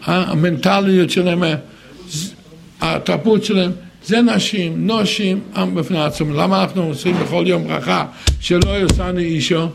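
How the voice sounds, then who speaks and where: An older man giving an animated sermon, acting out other people's words in raised voices. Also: high voice, gravelly.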